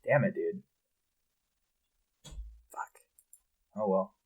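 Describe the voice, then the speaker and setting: Male co-host, low-ish voice, loose casual chat with some cursing. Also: extremely slow, breathy edge, phone-quality sound. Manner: relaxed, swears freely. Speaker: podcast co-host.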